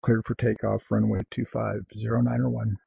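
A man's voice: lowish voice, flat delivery, normal speed, vocal fry, mellow, slightly rough. A man speaking as a pilot making radio calls to controllers, somewhat hesitant.

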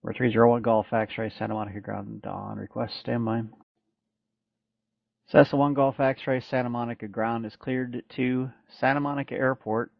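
A man working as an air traffic controller, reading out clearances in brisk, clipped phrasing over an aviation radio transmission. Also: medium pitch, level tone, dry recording. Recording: muffled dry radio audio.

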